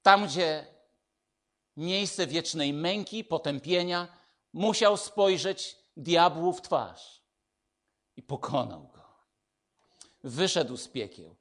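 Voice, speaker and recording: Male preacher, slightly high voice, slow and emphatic, shifts from proclaiming to hushed. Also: lively intonation. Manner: emphatic preaching, swinging between loud declarations and hushed intimate lines. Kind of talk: sermon.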